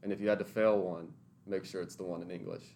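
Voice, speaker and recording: A man's voice: sits low, flat delivery, fast, gravelly, dark tone, slight background noise. A young man in his twenties from Tennessee, answering interview questions in an earnest, thoughtful way with a few restarts. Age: 20s. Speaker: interview guest, teaching intern.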